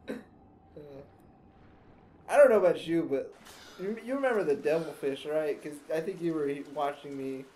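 A young man giving casual, joking, excitable banter as a co-commentator over gameplay. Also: on the high side, measured pace, pauses often. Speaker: gaming co-commentator.

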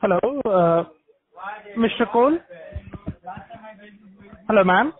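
A man speaking over a tinny phone line, his voice pitched high. He keeps asking whether the other end can hear him. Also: animated, takes it slowly. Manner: repeatedly checking he can be heard. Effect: heard over a phone line. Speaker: phone caller.

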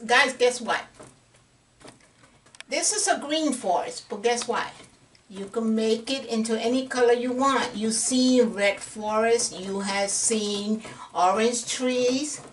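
A middle-aged woman giving a casual painting lesson, encouraging and chatty, sometimes dropping to a whisper as she works. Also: a little high. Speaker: painting instructor. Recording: distant camera mic with faint room noise.

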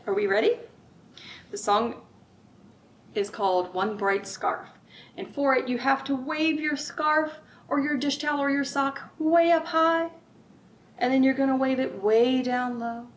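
Her voice on the high side, a middle-aged children's librarian reads aloud and chats during storytime, keeping her words simple. She frequently checks in with the young listeners through easy questions. The setting is a library room with bookshelves, captured by a distant mic with audible room noise.

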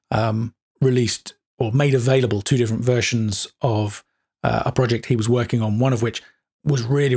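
A man's voice: medium pitch, a little mellow, breathy edge. A man hosting an interview podcast, chatting with hesitations and filler words. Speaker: podcast host. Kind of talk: conversational interview.

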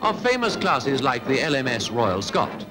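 A man, narrating a 1950s newsreel in a crisp, declamatory announcing manner. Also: mid-range voice, very animated, moderate pace, music in the background.

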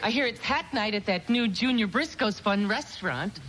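An actress playing an eager, easygoing small-town wife in a sitcom. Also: female voice, mid-range voice, lively intonation, moderate pace, heavy background noise, lightly acted. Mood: coaxing. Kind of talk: sitcom acting. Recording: TV soundtrack with music and audience.

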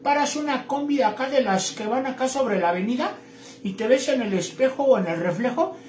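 A man voicing a cocky female magic snake genie with a Mexican accent, who hushes and talks in street slang. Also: very high-pitched, lively intonation, fairly quick, reverberant, slight background noise, voice pushed up. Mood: cocky, slangy. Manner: streetwise slang, hushing "shh" before speaking.

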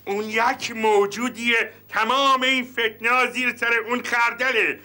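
An actor playing an excitable man who wails and exclaims over every bit of news. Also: extremely high pitch, heavily acted. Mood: outraged. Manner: exclamatory, theatrical wailing. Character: excitable man, overdramatic, fussing and wailing.

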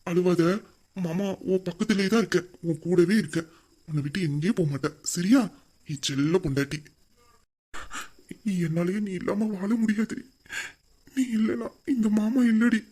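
High-voiced tender young husband voiced by a man. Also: brisk, mellow, natural voice. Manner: tender, soothing, affectionate. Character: loving young husband consoling his wife. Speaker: husband Veera. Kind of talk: emotional audio drama acting.

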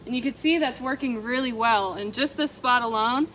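A woman in her thirties, a wildlife biologist, explaining forest habitat outdoors in a steady, explanatory way, with a clip-on mic. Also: fairly high pitch, moderate pace, slight background noise, low-quality recording. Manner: steady, explanatory, walking and pointing at plants. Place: forest clearing and woodland, outdoors.

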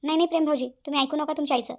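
A woman's voice: sits high, steady tone, racing. A woman voicing a chatty village daughter-in-law. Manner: exclaiming, gossipy. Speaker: cartoon voice actress. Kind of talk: cartoon family drama dubbing.

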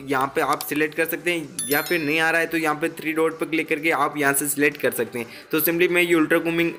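A man's voice: a little high, sharp tone. A man with an Indian accent giving a casual step-by-step phone tutorial, instructing viewers directly and often repeating himself. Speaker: tech tutorial host.

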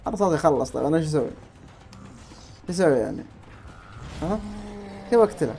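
Fast-talking excitable gamer man. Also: a little high, creaky, slight background noise. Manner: excitable, talks to himself and viewers, shouts at enemies. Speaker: gameplay streamer. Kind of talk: casual gameplay commentary.

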